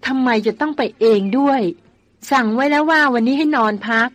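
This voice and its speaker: A woman's voice: sits high, dry recording, voice pushed up, close to an everyday voice. A woman reading as a bossy young woman doctor. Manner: scolding, quick-tongued.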